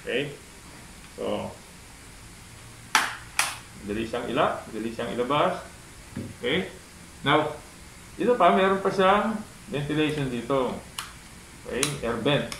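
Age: adult. Sex: male. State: speaking through a cloth mask. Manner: slow, halting, keeps checking in with "okay?". Role: vlogger reviewing a helmet. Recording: echoey room, faint background noise. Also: mid-range voice, lively intonation, gravelly. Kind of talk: casual product demonstration.

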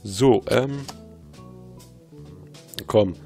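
A man doing casual gameplay commentary, reading game text aloud and breaking into exasperated, excitable outbursts. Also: medium pitch, very slow, faint music behind. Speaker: let's player.

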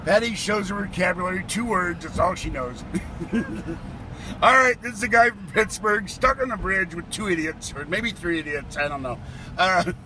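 A vlog host films himself in a car stuck on a traffic-jammed bridge, holding the phone camera while he rambles, jokes and laughs a lot. His voice sits high and his pace is moderate. The recording is low quality, with loud road noise from the traffic.

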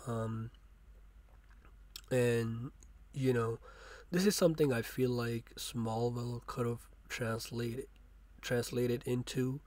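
Guy rambling thru a casual review, lots of ums and restarts, average pitch. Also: darkish tone. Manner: rambling, many fillers and restarts.

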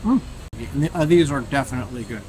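A man describing dishes as he tastes them, halting and searching for words. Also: medium pitch, animated, darkish tone, slight background noise, rough recording. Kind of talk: food tasting commentary.

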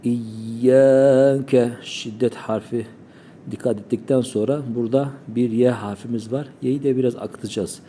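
A man teaching Quran recitation, calmly explaining pronunciation and demonstrating sounds slowly. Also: mid-range voice, a little hiss or hum.

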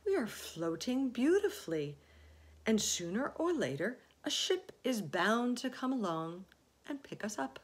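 A woman's voice: on the high side, very animated, measured pace, slightly rough, pitched above the performer's own voice, heavily acted. A woman voicing a confident, patient young boy who explains things earnestly in a children's storybook. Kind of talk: children's storybook read aloud.

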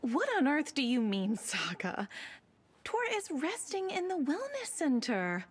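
An actress playing a prim, evasive woman who chides gently in a sing-song way. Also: high-pitched, huge pitch swings, unhurried, exaggerated voice. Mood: coaxing.

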